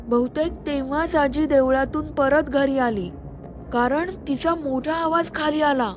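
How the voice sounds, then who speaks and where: A woman storyteller and podcast host giving a scripted, slow and suspenseful narration. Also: high-pitched, noisy background.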